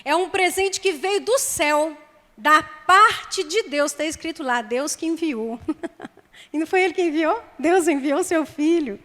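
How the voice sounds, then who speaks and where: A woman pastor with a Brazilian Portuguese accent preaches on a microphone, her voice set fairly high. She reads scripture and prays in a slow, emphatic cadence. The church sanctuary gives her words a long, lingering reverb. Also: fairly bright tone. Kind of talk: sermon. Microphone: handheld microphone.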